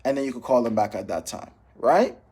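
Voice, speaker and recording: A man from Jamaica speaks in a mid-range, sing-song voice, a little fast, mellow and with a breathy edge. As a financial professional coaching sales calls, he gives an informal motivational training talk with role-played phone examples, emphatic, repeating key phrases and checking in with listeners.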